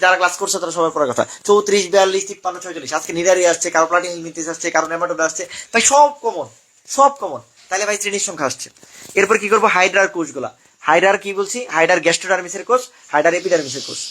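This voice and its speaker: A young man runs a live exam review class, rattling through topic after topic. His voice sits high and bright. He hammers each point home by repeating it to his students. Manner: rapid, repetitive drilling of topics to students. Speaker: admission exam coach.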